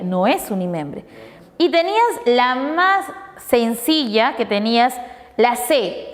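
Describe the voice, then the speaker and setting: A woman's voice: on the high side, in a large hall. A woman teacher from Peru walking pupils through test answers, asking questions and answering them herself. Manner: explanatory, asks and answers her own questions.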